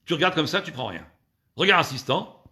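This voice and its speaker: A man doing a solo stand-up show at home, animated and exaggerated, piling up repeated words. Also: on the high side, a little fast. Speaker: comedian.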